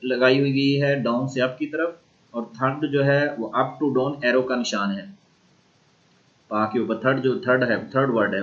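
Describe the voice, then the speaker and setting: A man with a Pakistani accent giving a recorded university lecture, explaining slowly and repeating sounds aloud to model them. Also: medium pitch, fairly bright tone, muffled recording. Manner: slow, repetitive explaining, modeling tones aloud. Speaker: language teacher.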